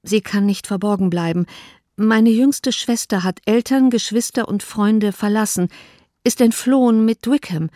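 A woman's voice: medium pitch, unhurried, warm tone, no echo, clean studio sound, lightly acted. Elizabeth, a woman reading a distraught young woman. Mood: anguished. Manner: anguished, tearful, pleading. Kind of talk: audiobook reading.

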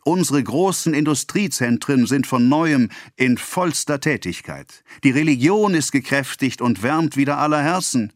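A man voicing a pompous male government official, declaiming a speech slowly and loudly in an audiobook reading. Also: mid-range voice, lively intonation, no echo, studio quality, voice pushed up, lightly acted. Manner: declaiming, slow and loud.

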